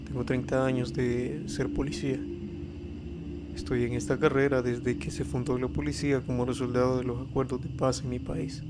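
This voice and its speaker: A man narrating a horror story as scripted narration, reading in a steady, even way. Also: medium pitch, moderate pace, music in the background. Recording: eerie ambience under the voice. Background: spooky ambience and effects.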